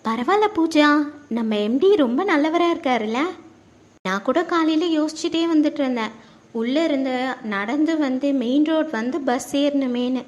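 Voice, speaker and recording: A woman's voice: high voice, moderate pace, highs cut off, lightly acted. A woman voicing a friendly, chatty young female coworker who reassures her friend. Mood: cheerful.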